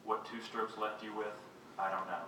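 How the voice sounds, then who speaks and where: A man giving a live poetry reading, reading his own poems in a measured, unhurried way and making wry, self-mocking jokes between them. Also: lowish voice, level tone. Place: reading venue with a live audience. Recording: very echoey room, voice picked up from a distance, faint background noise.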